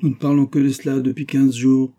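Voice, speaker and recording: A man's voice: mid-range voice, flat delivery, brisk, dark tone, pitched above the performer's own voice, close to an everyday voice. A man voicing a haughty, scolding aristocratic mother. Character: proud stern aristocratic mother, middle-aged.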